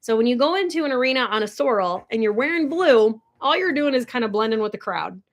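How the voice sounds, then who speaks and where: A woman's voice: on the high side, animated, fast talker. A young woman chatting casually on a ranch livestream, gushing and answering viewer comments. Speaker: livestream host. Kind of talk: casual live chat. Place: ranch barn or home.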